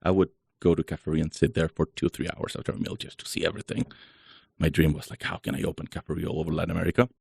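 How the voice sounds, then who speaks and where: A man from Chile in his thirties, a guest talking in a relaxed, chatty way with many fillers. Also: extremely low pitch, fast, vocal fry, slightly rough, no echo, studio quality. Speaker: guest, solar company founder. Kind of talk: casual interview talk.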